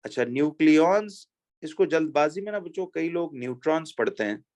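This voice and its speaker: A man teaching a chemistry lesson, reading exam questions slowly and explaining step by step with rhetorical questions to his pupils. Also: on the high side, expressive, a little mellow.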